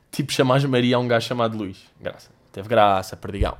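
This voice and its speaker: A man's voice: medium pitch, a little fast. A young man from Portugal with a European Portuguese accent, telling stories in a casual, comedic, profanity-heavy vlog monologue. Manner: swears a lot, animated storytelling with mock voices and sound effects. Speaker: host answering viewer questions.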